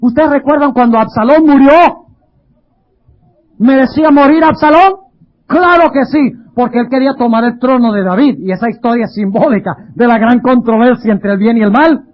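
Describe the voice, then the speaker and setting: A man's voice: very high voice, normal speed. A male pastor giving a dramatic sermon, full of rhetorical questions. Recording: dull lo-fi radio sound.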